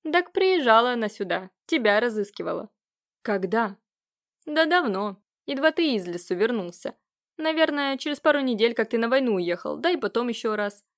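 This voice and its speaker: A woman reading an audiobook, voicing an agitated older nobleman who scolds and nags his nephew with a hoarse, rising voice. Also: on the high side, lively intonation, normal speed. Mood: jealous, scornful. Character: agitated older nobleman uncle, jealous and nagging.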